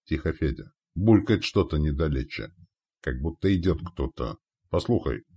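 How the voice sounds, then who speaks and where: A wary male sentry on night watch, as a man acts him out in a storybook. He speaks low and hushed, urgent under his breath. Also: animated, normal speed, slightly rough, full character voice. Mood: tense. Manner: urgent whisper-like hush.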